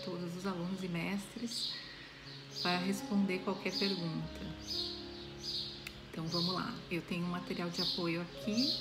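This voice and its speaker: A woman in her forties giving a casual talk to the camera, unhurried, with pauses and frequent questioning tags. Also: on the low side. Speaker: Reiki student giving a talk. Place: small room indoors.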